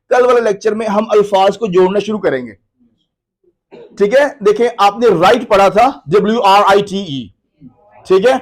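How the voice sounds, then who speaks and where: A man teaching English pronunciation in a classroom lecture, loudly calling out letter sounds for the class to repeat. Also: high-pitched. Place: lecture room with a live class.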